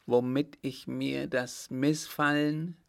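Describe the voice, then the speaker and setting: A man's voice: mid-range voice, takes it slowly, gravelly, pitched above the performer's own voice. A man voicing a frightened village mayor in an audiobook, answering hesitantly and stammering. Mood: fearful, submissive. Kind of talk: audiobook character voice.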